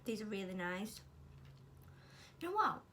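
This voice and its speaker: A British woman talks her way through a snack-tasting vlog, chatty and self-mocking, often speaking with her mouth full. Her voice sits at an ordinary middle pitch. A faint hiss of noise runs under the recording. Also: big pitch swings, unhurried, pushed and bright. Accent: British English. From United Kingdom. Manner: chatty, eating while talking, self-mocking. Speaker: vlogger.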